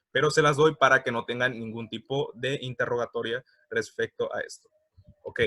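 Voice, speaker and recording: Bright-voiced patient male teacher. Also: on the high side, no room sound. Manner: explains patiently, often checking in with "ok?"; repeats English words slowly for pronunciation. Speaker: English teacher. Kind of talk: slide-based grammar lesson.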